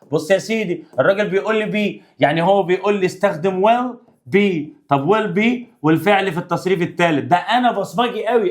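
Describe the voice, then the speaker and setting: Man, Egyptian accent, English teacher, high voice, playful, revision lesson. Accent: Egyptian Arabic. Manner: playful, talks to students directly.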